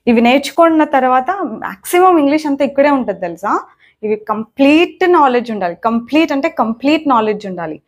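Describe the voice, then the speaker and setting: A woman's voice: sits high, animated, fast talker. Young female language teacher, patient and repetitive, drilling grammar. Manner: repetitive, checks in with "okay?" often. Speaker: English teacher. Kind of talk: spoken lesson explaining grammar.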